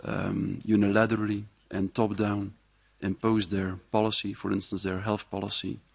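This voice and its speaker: A man with a low voice and a gravelly edge talks to an audience like a professor giving a lecture. He is measured and reflective. The sound is dry and close. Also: flat delivery, no room sound. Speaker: university professor giving a talk. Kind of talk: public speech at a presentation. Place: live event before an audience.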